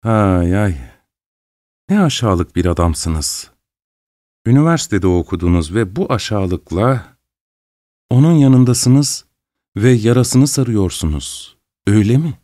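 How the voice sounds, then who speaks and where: A man's voice: lowish voice, lively intonation, slow pace, pauses often, warm tone, no echo, clean studio sound. A man reading a story, voicing a furious, defiant widow who speaks in cold, cutting accusations. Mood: scornful.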